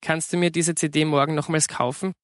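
A man's voice: fairly high pitch, fairly even intonation, dry recording, clean studio sound, natural voice. A man doing a pleading, chattering schoolgirl. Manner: rapid topic-hopping pleading. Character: schoolgirl daughter, chatty, demanding, excitable.

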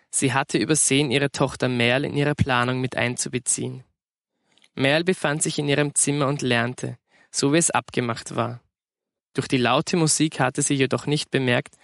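A man reading a story aloud in a calm, even storytelling manner. His voice sits in a mid register. The recording is close and dry, with no room sound. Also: medium pitch, vocal fry, dry recording. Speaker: narrator. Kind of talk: scripted story narration.

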